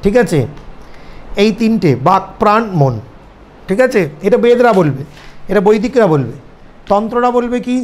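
A man with a Bengali accent delivers a seminar lecture in a high-pitched voice. He explains concepts step by step and keeps asking whether his listeners have understood. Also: animated, moderate pace, long pauses, darkish tone. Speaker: seminar teacher. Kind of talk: lecture to students.

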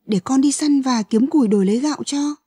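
Lady doing a dutiful young lad in a folktale, eager, husky, reassuring his mum. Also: sits high, fast talker, warm tone, no room sound. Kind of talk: folktale character voice for children.

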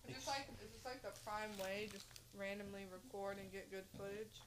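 A woman's voice: medium pitch, brisk, noisy background. A woman chatting casually in a home vlog, teasing and laughing easily, recorded indoors on a handheld camera. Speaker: family member on a vlog. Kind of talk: casual chat. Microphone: handheld camera or phone.

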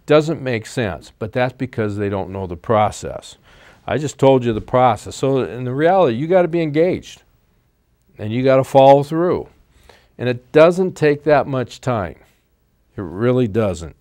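A man's voice: medium pitch, animated, unhurried, dark tone, no room sound, clean studio sound. A man hosting a political talk show, explaining step by step in a monologue and checking in with frequent "okay?"s. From United States.

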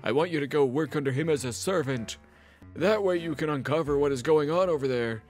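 Guy doing a hushed blunt mentor type, bit high-voiced, kinda curt. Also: fairly quick, faint music behind, natural voice. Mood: conspiratorial.

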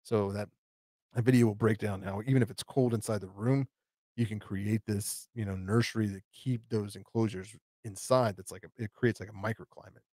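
A man's voice: lowish voice, steady tone, normal speed, a little mellow, no room sound, studio quality. A man hosting a live stream, casually rambling through viewer questions with lots of fillers and restarts. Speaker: tarantula channel host.

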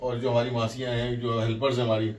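A man showing guests around his home with a relaxed, self-mocking humor. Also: medium pitch, quick pace. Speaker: homeowner giving a house tour. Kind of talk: casual chat. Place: large home, indoors. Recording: echoey room with background noise.

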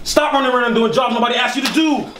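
A man's voice: very high-pitched, racing, over music. A man in a casual comedy sketch, mockingly lecturing his friend and rattling off points. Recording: echoey room, faint noise.

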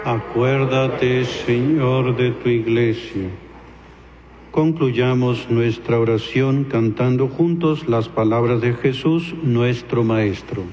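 Slow-chanting priest in cathedral echo. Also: male voice, medium pitch, steady tone. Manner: slow, measured, sung intoning. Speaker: priest celebrating Mass. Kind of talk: liturgical prayer and chant. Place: large church. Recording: dull echoey church recording with music.

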